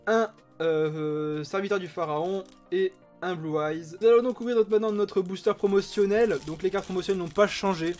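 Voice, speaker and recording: A man's voice: high voice, darkish tone. A man chatting enthusiastically as he opens trading card packs, reading card names aloud. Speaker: card-opening YouTuber. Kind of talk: casual unboxing commentary.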